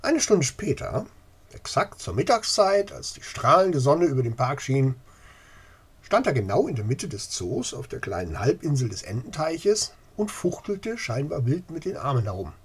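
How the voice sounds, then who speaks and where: Husky man reading a story. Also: medium pitch, moderate pace. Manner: expressive storytelling.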